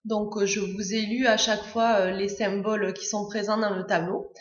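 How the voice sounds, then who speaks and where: A woman's voice: medium pitch, flat delivery, normal speed, reverberant. French woman teaching English, lo-fi sound. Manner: explains step by step, many hesitations and fillers. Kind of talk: language lesson narration.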